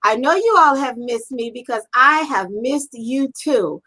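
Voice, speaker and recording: Bright, effusive woman hosting a live interview. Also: high voice, expressive, measured pace, low-quality recording. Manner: effusive, upbeat and encouraging. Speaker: interview host. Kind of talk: enthusiastic live-stream interview.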